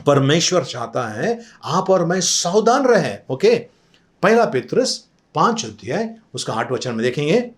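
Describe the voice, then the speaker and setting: A man's voice: fairly high pitch, sing-song, a little slow. A male pastor preaches a fervent church sermon in a slightly raised voice. He echoes each scripture phrase after it is read aloud and scatters English words and praise exclamations through his talk. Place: church service.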